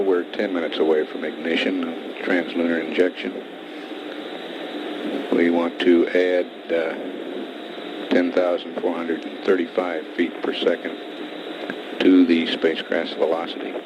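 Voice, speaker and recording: A man delivers measured, deadpan technical commentary as a mission control announcer. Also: deep voice. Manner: deadpan, spells out figures in full. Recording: very noisy archival broadcast audio.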